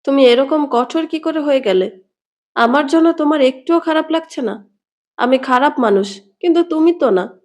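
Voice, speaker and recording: A desperate young lover who pleads and reproaches by turns, as a woman reads his part. He sounds high for a man, and the delivery is a storybook reading rather than full acting.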